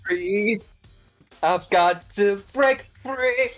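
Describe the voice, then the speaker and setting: A woman's voice: medium pitch, very slow, faint music behind. Woman doing a drawling stoner surfer dude. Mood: panicked. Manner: drawling, peppered with bro and dude. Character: laid-back stoner surfer dude, young man.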